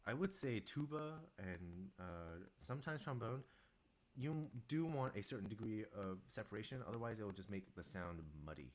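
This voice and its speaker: A man's voice: on the low side, lively intonation, moderate pace, a little hiss or hum. A man with a stuffy nose and a sore throat chats casually to live viewers while composing music, reading their messages aloud. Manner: chatty, talks to viewers and reads their chat aloud.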